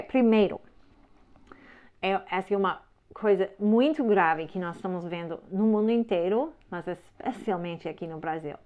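A woman teaching parents in a firm, simple way, often checking in with listeners. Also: medium pitch. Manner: simple, slightly broken phrasing. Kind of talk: instructional talk. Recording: slightly dull lo-fi sound.

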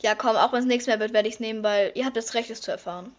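A teenage girl chatting casually while doing her makeup, sometimes breaking into high excited squeals. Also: fast talker, lo-fi sound. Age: teens. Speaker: vlogger. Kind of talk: casual makeup vlog chat.

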